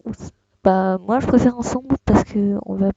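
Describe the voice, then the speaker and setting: Gravelly, husky voice with many fillers. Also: medium pitch, normal speed, warm tone, no echo, muffled recording. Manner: hesitant, many fillers and restarts. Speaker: tutorial host. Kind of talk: casual screen-recorded tutorial.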